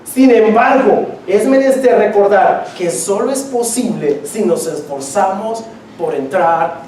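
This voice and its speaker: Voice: medium pitch, slow, a little mellow, a little hiss or hum. A preacher delivering a sermon with emphatic repetition and direct questions to the congregation. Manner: emphatic, repeats key phrases, asks the congregation direct questions. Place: church sanctuary. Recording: echoey church from a distance.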